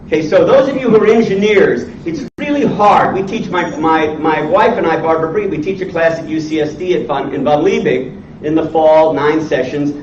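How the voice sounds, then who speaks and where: In an indoor teaching room, an entrepreneur in his sixties lectures a class informally and bluntly, teasing and quizzing the audience in salty language. His voice sits on the high side at a moderate pace. The sound is dull and echoey, picked up by a distant mic with faint noise.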